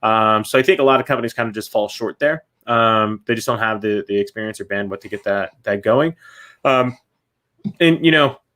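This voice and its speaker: A man's voice: on the low side, moderate pace, bright, forceful tone. A man, a company CEO, answering interview questions loosely with many fillers.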